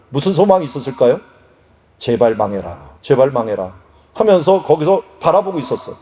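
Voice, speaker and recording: A man preaching a sermon in a conversational, lively way, sometimes acting out quotes. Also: fairly high pitch, highs cut off. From Korea. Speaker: pastor.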